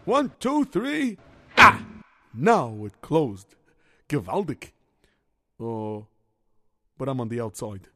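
A man's voice: mid-range voice, very animated, slow pace, pauses often, sharp tone, dry recording, clean studio sound, heavily acted. A man doing a scatterbrained, flustered handyman. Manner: rambling self-talk, sprinkled with Yiddish exclamations. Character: bumbling, scatterbrained male handyman who locks himself out. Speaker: lunch driver. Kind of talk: children's comedy sketch.

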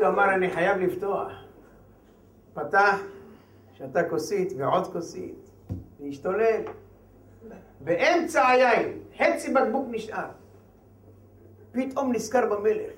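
A man with a notably high voice tells a long comic folk tale, jumping into the characters' lines in quick raised voices and laughing along with his own story. He sounds a little off the mic in a roomy space. A faint ambient murmur sits behind him. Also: fairly bright tone, recorded from a distance. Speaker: joke teller.

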